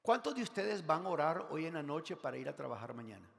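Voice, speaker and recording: A man's voice: on the high side, sing-song, fast talker, vocal fry. A man preaching a passionate sermon as a pastor, repeating his lines and acting out whiny prayers. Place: church sanctuary. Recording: long church hall reverb.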